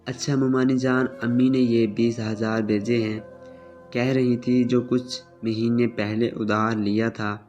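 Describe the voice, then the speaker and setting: A man voicing a polite, devoted young man who speaks softly and respectfully. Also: medium pitch, little pitch movement, close to an everyday voice. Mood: gentle. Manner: soft, polite. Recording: slightly dull with soft music.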